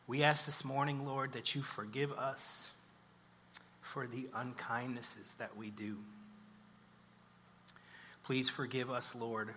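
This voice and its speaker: At a church service, a prayer leader with a medium-pitched, sharp-toned voice leads the congregation in spoken prayer, earnest and reverent, phrase by phrase. It's a live church recording with background noise.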